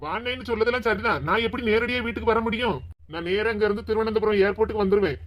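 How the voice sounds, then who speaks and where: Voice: medium pitch, rapid-fire, lightly acted. A performer voicing a bossy elder brother who speaks with a Kanyakumari Tamil accent, giving impatient orders over the phone in a cartoon. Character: older brother calling from abroad, bossy.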